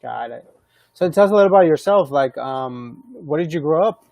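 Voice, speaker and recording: This live stream host and interviewer has a slightly high, creaky voice with lively intonation and a brisk pace. He asks friendly, curious questions in a casual interview style, often interjecting encouraging affirmations. The recording is muffled but has no echo.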